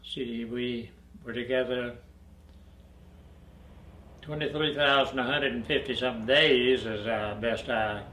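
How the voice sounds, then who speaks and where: A man in his eighties from Arkansas, recalling his life in an interview with a dry, unhurried storytelling manner and easy chuckles. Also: mid-range voice, fairly even intonation, fairly bright tone, roomy sound, slight background noise, rough recording. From Arkansas, USA. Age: 80s. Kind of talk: reminiscing interview. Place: dark studio backdrop, indoors.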